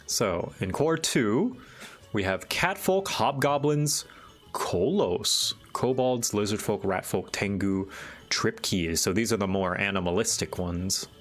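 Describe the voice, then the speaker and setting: A man hosting a livestream, chatting casually and thinking aloud in a halting, musing way. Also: on the low side, fairly bright tone. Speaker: livestream host.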